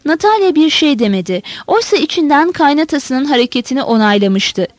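A woman narrating a novel as an audiobook in a measured storytelling manner. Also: sits high, very animated, no room sound.

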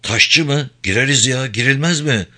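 A man voicing a proud, stubborn young village lad in a Turkish audiobook, in a higher, earnest, defiant voice. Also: normal speed, bright, forceful tone.

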